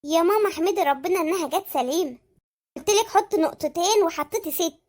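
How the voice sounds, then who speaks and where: A very high sped-up voice playing a clever young son in a comic cartoon, with an Egyptian accent and a reassuring manner. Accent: Egyptian Arabic. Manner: reassuring, quick.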